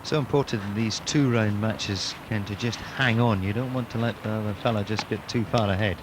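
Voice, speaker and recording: A man commentating on televised golf in measured, clipped descriptive phrases with pauses. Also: lowish voice, fairly even intonation. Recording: clear outdoor course noise behind voice.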